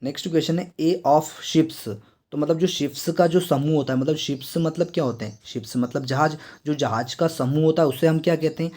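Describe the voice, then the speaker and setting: A young adult man with an Indian accent walks students through exam answers, repeating questions back to them and reading the English items slowly. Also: fairly high pitch, a little mellow. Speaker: teacher explaining exam answers. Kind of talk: exam answer walkthrough lesson.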